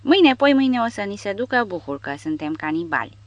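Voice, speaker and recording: A woman's voice: medium pitch, sing-song, dry recording, dull audio, voice pushed up, natural voice. A woman voicing a surly, mocking male soldier in an audiobook. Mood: cranky. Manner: mocking, cranky.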